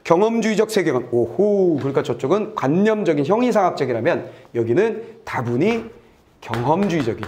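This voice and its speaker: A middle-aged man lecturing on a test passage in a lively, playful way. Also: a little high, a little fast, slight background noise. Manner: lively, playful, acts out little scenes and sound effects. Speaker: Korean literature tutor. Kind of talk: lecture with acted examples.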